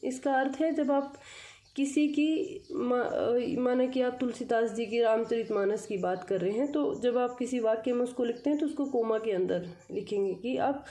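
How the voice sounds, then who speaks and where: A woman's voice: a little high, normal speed, warm tone. A woman, explaining a school lesson, patiently repeating and rephrasing each point. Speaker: teacher.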